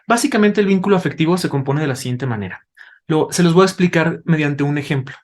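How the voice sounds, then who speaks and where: A man's voice: fairly high pitch, expressive, quick pace. A man, a doctor, explaining to parents in a didactic way, asking rhetorical questions as he goes. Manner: didactic, asks rhetorical questions, tags with "¿vale?". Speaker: doctor, invited expert.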